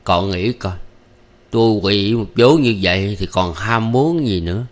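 A man's voice: on the low side, measured pace, close to an everyday voice. A man doing a weary, blunt young Southern Vietnamese man. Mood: resigned. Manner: blunt, rustic, half-joking. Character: young injured husband, weary and resigned.

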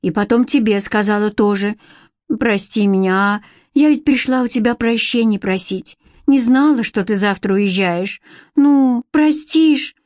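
A woman's voice: medium pitch, unhurried, a little mellow, no room sound, studio quality, natural voice. A woman voicing a tearful young village girl who coaxes and pleads for forgiveness. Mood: repentant.

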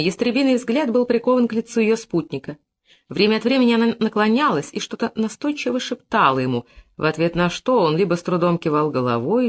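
Audiobook narrator, man, expressive and dramatic, wide lively pitch.

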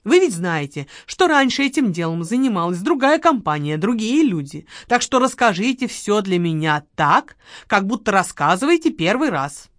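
A woman voicing a shrewd, calm male investigator who questions firmly and patiently. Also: mid-range voice, normal speed, no room sound, clean studio sound, natural voice. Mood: calm questioning.

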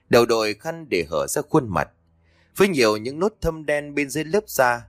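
A man's voice: medium pitch, dry recording, studio quality. A man narrating a scripted horror story in a dramatic manner.

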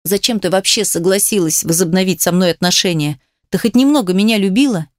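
A woman voicing an enraged jealous man who accuses his partner harshly and swears roughly. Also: mid-range voice, a little fast, no echo, clean studio sound, close to an everyday voice. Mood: bitter.

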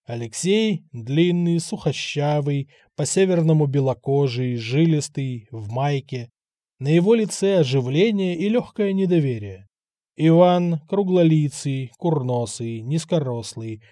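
Man narrating an audiobook, fairly high voice, mellow tone, dry close sound, measured. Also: no echo. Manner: measured, unhurried storytelling. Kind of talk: novel reading.

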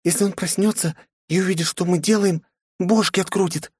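Man doing a devoted young guardian girl, high hushed urgent voice, jumpy, audiobook character, dry sound. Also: steady tone, a little fast, slightly rough, no echo.

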